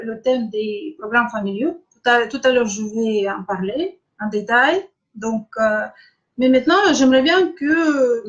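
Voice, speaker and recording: Russian lady hosting a live webcam class, kinda high voice, slow and hesitant, muffled lo-fi stream sound. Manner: slow, hesitant, with many filler pauses, greeting viewers by name. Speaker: online masterclass host.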